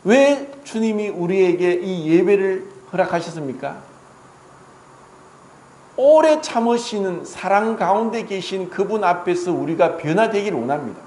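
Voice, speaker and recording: High lively-voiced preaching man. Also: unhurried, roomy sound, a little hiss or hum, low-quality recording. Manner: dramatic, voices Jesus and Peter in quotes. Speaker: pastor. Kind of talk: sermon.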